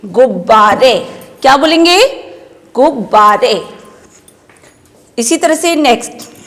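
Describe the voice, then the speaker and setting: A woman's voice: on the high side, animated, slow, fairly bright tone, in a large hall. A woman teacher giving a primary school Hindi lesson, patiently asking questions and repeating the answers for young children.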